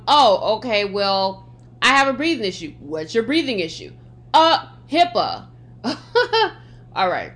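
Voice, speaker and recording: A woman podcaster with a fairly high voice talks straight to her listeners in an opinionated, scolding way. Mouth sores give her speech a slight lisp, and she leans hard on her points. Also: a bit bright. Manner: blunt, emphatic, scolding. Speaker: podcast host. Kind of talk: opinionated solo podcast talk.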